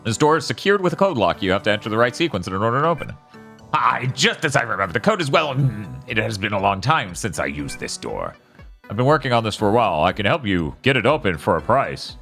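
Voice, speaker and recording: A man's voice: fairly low pitch, sing-song, fast, creaky, a bit bright, soft background music, pitched below the performer's own voice, exaggerated voice. A man reading aloud as a chatty, helpful video game character who offers puzzle help for a price. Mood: friendly, musing.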